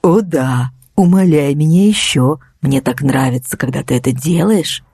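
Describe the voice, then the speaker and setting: A woman's voice: sits low, normal speed, warm tone, no echo, studio quality. Woman voicing a leering oily male taxi driver. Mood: gloating. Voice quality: oily, wheedling, creaking voice. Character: sleazy unctuous male taxi driver stalker. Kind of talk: audiobook character voice.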